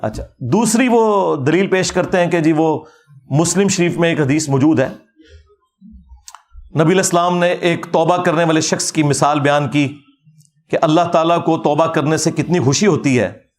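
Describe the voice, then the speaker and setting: Man, high-pitched voice, preacher arguing, animated and mocking. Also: moderate pace. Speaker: Islamic preacher. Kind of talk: religious rebuttal lecture.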